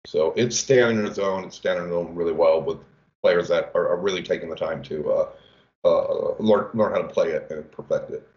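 A man from the game team sharing player stats on a livestream, halting with many fillers. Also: deep voice, a little mellow. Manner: halting, many uhs and restarts. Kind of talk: casual livestream chat. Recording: echoey room, dull lo-fi audio.

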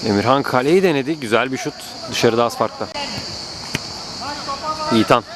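A man doing live play-by-play football commentary, excitable, with calls that rise to drawn-out screams at goals. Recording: noisy outdoor pitch, background ambience.

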